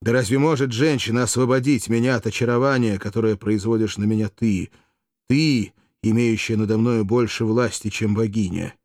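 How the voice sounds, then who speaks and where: A young gladiator in despair, his words halting and breaking with grief, as a male narrator reads him. The voice stays low and close. The recording is dry. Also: steady tone, darkish tone, dry recording, natural voice. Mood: imploring.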